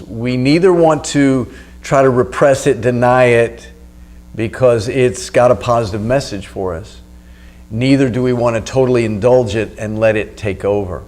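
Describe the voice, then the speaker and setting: A man giving spoken meditation instruction as the teacher, in an unhurried, instructional way with pauses. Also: medium pitch, a little mellow. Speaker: meditation teacher and video host. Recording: noticeable background hum.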